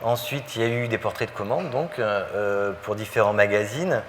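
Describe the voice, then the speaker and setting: A man's voice: on the low side, normal speed, a little hiss or hum. A male photographer answering questions in a public interview, speaking with many fillers and restarts. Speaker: photographer guest. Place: live public interview before an audience.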